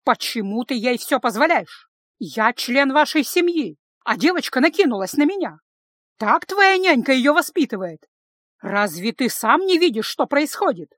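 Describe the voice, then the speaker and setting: A woman narrator puts on a haughty, jealous snake-woman from a fantasy audiobook, scornful and menacing in her warnings. The voice sits at an ordinary middle pitch and is recorded dry and close. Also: lively intonation, moderate pace, no room sound, lightly acted. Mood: shrill anger. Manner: scornful and threatening, hissing warnings. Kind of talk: audiobook character voice.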